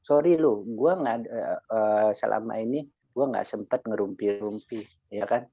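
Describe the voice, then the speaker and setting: A man's voice: lowish voice, moderate pace, vocal fry, slightly rough, no echo, dull audio. A man speaking in a motivational sharing session, telling a story with casual slang and acting out both sides of a conversation. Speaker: insurance agent sharing experience.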